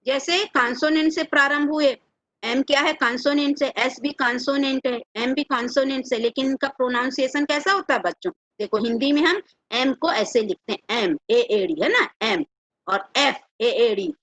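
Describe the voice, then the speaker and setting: A woman's voice: high-pitched, moderate pace, a bit bright, no echo. A woman teacher with a Hindi accent, explaining grammar to children and answering her own questions. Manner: asks rhetorical questions to the children and answers them herself. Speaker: English teacher. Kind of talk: classroom lesson explaining grammar.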